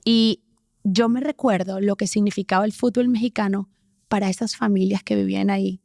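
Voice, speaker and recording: A woman's voice: mid-range voice, vocal fry, no echo. Guest: forties woman from Venezuela, emphatic storyteller, mid-range voice, close dry mic. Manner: animated, emphatic, talks in quick bursts. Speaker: interview guest, sports presenter. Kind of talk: candid storytelling in an interview.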